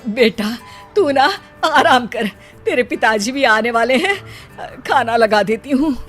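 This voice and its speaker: A woman voicing a caring middle-aged mother who gently admonishes her son in a comic cartoon story. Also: fairly high pitch, a little slow, soft background music. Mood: concerned. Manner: concerned, admonishing.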